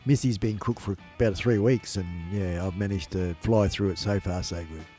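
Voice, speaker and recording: Speaking at normal speed with fairly even intonation, this livestream host has a low, dark voice made a little nasal by a stuffed-up nose. His live chat is rambling, upbeat, and repetitive, with faint background music.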